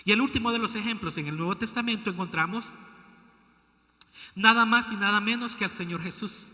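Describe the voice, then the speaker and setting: A male pastor, preaching a sermon in a church that builds to loud exhortation. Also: sits high, brisk. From El Salvador. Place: church sanctuary. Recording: long church reverb, music behind.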